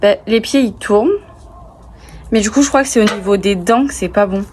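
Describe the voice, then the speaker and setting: A young woman talks to her viewers like a bubbly, excitable friend, gushing and using casual slang. Her voice sits at an average pitch. She records outdoors, with clear traffic noise around her. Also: brisk. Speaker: vlogger. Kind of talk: casual chat to camera. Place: outdoors near passing cars.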